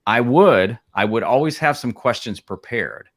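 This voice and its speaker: A man's voice: mid-range voice, animated, a little slow. Rambling man co-hosting a streaming show. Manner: rambling, many restarts and fillers. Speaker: live streaming co-host. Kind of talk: casual chat.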